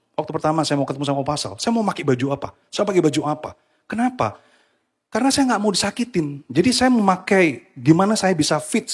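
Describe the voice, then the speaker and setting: A man preaching a sermon to a church congregation, animated and often slipping English phrases into his talk. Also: a little high, slightly rough. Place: church hall.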